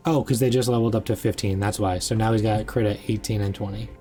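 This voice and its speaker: A young man who runs tabletop games, chatting casually on a stream with lots of fillers and excited asides. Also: fairly low pitch, fast talker, soft background music. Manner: rambling, filler-heavy, excitable. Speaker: game master. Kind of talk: casual chat on a live stream.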